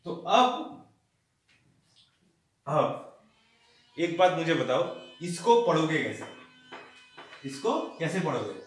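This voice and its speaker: A man's voice: on the high side, big pitch swings, takes it slowly, long pauses. A man teaching a maths class, explaining step by step and checking often whether the students have understood. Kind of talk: classroom lesson. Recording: echoey room, far from the mic.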